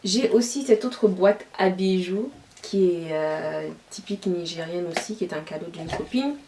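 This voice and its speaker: A woman with a light Nigerien French accent talks casually into the camera, her voice sitting on the low side. She fills her answers with easygoing filler phrases. The mic is set back from her and a soft hiss runs underneath. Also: moderate pace. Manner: chatty, with frequent filler phrases. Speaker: YouTuber. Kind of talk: casual chat answering tag questions. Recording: distant mic with faint hiss.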